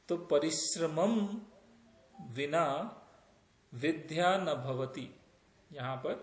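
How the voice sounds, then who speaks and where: A man's voice: on the high side, reverberant. A man teaching Sanskrit grammar, patiently explaining step by step with example sentences. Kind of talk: grammar lesson, explaining in Hindi.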